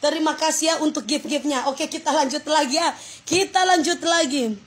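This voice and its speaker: A high-pitched woman with a Manado Indonesian accent chats into her phone on a livestream. She is effusive and exclaiming, thanking viewers one after another. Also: normal speed. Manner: effusive, exclaiming, breaks into laughter. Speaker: livestream host. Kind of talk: casual livestream chat thanking viewers for gifts.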